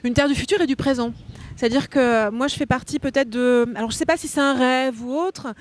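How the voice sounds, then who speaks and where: Born in Belgium and raised in France, this woman is a guest philosopher on a cultural talk show, recorded in a hotel meeting room. Her voice sits high and her delivery is brisk. She is articulate and academic, explaining concepts at length.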